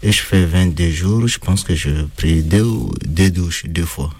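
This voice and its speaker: A man speaking French with a non-native accent, giving a halting personal account as an interviewee, full of hesitations and restarts. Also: low-pitched, darkish tone. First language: not French. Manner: hesitant, many fillers and restarts.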